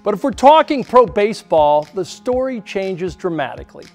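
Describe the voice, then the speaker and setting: A middle-aged man tells a sports history story for the evening news. He pushes emphasis hard and sounds animated. His voice sits a little high for a man. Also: moderate pace, soft background music. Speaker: sports reporter. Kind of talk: news feature narration and studio chat. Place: TV news studio.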